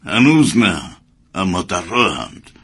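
A grave and wise elder leader, played by a male actor speaks low and husky. His pitch swings widely as he weighs each word in this spoken drama. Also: sing-song, a bit bright, heavily acted. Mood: solemn. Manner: solemn, measured.

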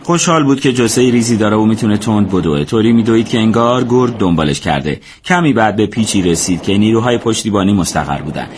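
A man narrating a war story as scripted audiobook narration, in a steady, measured way. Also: fairly low pitch, slight background noise.

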